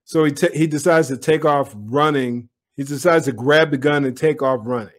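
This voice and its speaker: A man's voice: a little high, fairly even intonation, moderate pace. A man giving opinionated commentary on a police video, speaking bluntly and directly to his viewers.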